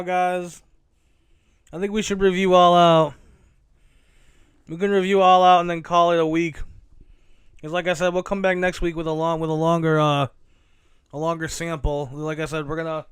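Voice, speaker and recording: A man hosts a casual solo podcast, talking loosely with plenty of cursing and mid-sentence self-corrections. His voice sits a bit high for a man and comes across smooth and clear. The sound is dry and close. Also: dry recording. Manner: rambling, self-correcting and profane. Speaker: podcast host.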